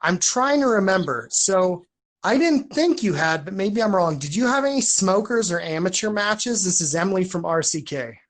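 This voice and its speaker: A woman's voice: medium pitch, lively intonation, normal speed. A woman in her thirties co-hosting a casual chat, informal and slangy with a joking streak. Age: 30s. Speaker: podcast co-host.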